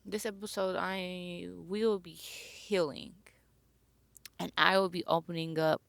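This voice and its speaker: Slow, bright-voiced young woman podcaster. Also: on the low side, steady tone, gravelly, no room sound. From born near Chicago, raised near Atlanta. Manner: slow, reflective, searching for words. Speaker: podcast host. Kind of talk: personal heartfelt monologue.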